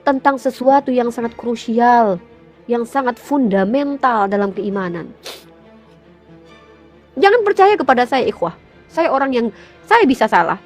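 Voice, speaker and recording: High-voiced woman giving a fervent appeal. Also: expressive, unhurried, pauses often, faint music behind. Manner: fervent, pleading, rising to emotional peaks; addresses listeners as brothers in faith. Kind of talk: impassioned religious exhortation.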